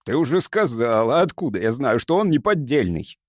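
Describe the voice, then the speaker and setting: A man voicing an excitable, grasping older male museum curator who shouts and argues indignantly. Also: mid-range voice, moderate pace, dry recording, clean studio sound. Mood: indignant, shouting.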